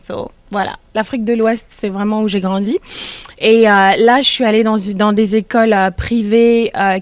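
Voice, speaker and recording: A woman's voice: medium pitch, dry recording. Hesitant young woman, a singer. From Democratic Republic of the Congo. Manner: hesitant, many fillers and restarts. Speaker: singer, interview guest. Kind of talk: casual interview talk.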